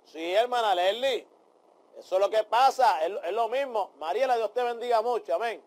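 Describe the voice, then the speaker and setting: A man leads a Bible study in a fervent preaching style. His voice sits very high for a man, and he keeps calling out amén and aleluya to his listeners. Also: moderate pace, a little mellow. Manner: addresses listeners as brothers.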